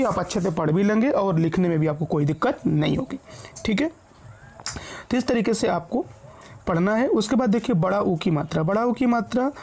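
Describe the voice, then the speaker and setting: Gravelly, patient woman teaching reading. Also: medium pitch, a little mellow. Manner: slow, patient spelling out of syllables. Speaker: Hindi teacher. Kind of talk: step-by-step reading lesson.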